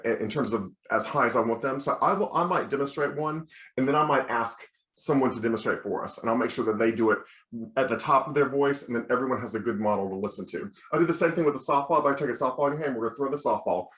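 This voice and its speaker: An American bass gives an instructional lecture with demonstrations as a children's choir director, encouraging and step-by-step with practical examples. He talks fast in a fairly bright tone, and he has a bass singing voice. The recording sounds roomy and echoing.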